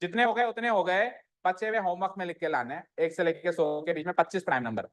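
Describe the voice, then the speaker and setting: A man's voice: high voice, fast. A male maths teacher giving a classroom lesson, asking the students questions and repeating their answers back to them, with English maths terms mixed into his talk.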